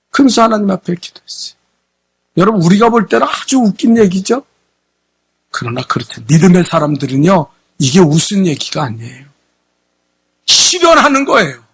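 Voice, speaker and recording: High-voiced husky preaching pastor. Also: male voice, fairly bright tone. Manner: emphatic preaching with rhetorical questions. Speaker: senior pastor. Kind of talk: sermon. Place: church sanctuary.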